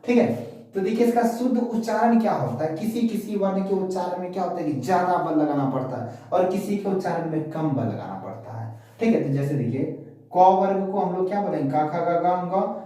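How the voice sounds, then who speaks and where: A man teaching Sanskrit grammar online, asking questions and then answering them himself, slowly drilling syllables. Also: high-pitched, animated, dark tone. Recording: very echoey, voice far from mic.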